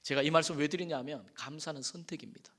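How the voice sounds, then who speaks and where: A man's voice: a little high, quick pace, a bit bright. A man preaching a Sunday sermon in a church, swelling his voice for emphasis, asking the congregation questions and telling folksy stories. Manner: folksy storytelling with asides and affirming "yes". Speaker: pastor. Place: church sanctuary.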